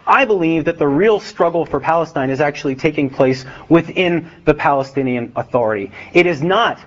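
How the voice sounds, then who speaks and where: An American man giving a relaxed talk as an author, with many fillers and acted-out dialogue. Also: fairly high pitch, fairly quick, dull audio. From United States. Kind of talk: public talk with a joke. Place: event hall with a live audience.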